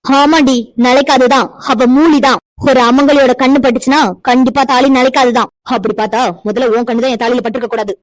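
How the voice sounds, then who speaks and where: A woman voicing a harsh, scornful older widowed mother-in-law in a cartoon, loud and insulting. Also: a little high, steady tone, very fast, hardly any pauses, no echo, close to an everyday voice, rough recording. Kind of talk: cartoon voice acting.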